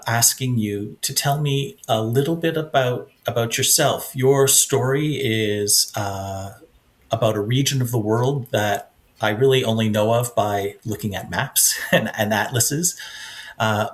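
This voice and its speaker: A man's voice: mid-range voice, unhurried. A man hosting an interview podcast, asking long questions with many restarts and fillers. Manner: hesitant, searching for words with many restarts. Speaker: podcast host.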